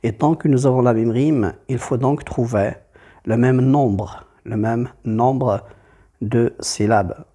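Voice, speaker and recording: A man's voice: medium pitch, takes it slowly, dark tone, breathy edge. Patient man teaching poetry meter. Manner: patient, explains step by step, repeats key terms. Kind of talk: poetry lesson.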